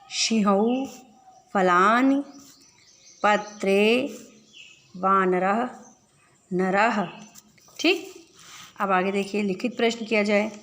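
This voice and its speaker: A woman teaching a children's lesson, patiently asking the children questions and then answering them herself. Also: a little high. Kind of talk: classroom lesson explanation.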